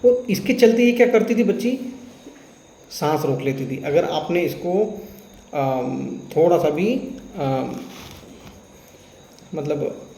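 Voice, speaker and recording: A homeopathic doctor explaining a patient case in a lecture, retelling what happened with quoted dialogue and slipping into terms spoken. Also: male voice, a little high, expressive, slow, gravelly, long pauses, dark tone, roomy sound, a little hiss or hum, rough recording.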